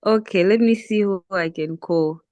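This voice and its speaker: A woman from Malawi, a student answering hesitantly in an online tutorial, with many pauses. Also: medium pitch, a little mellow, dry recording. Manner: hesitant, many ums, laughs nervously.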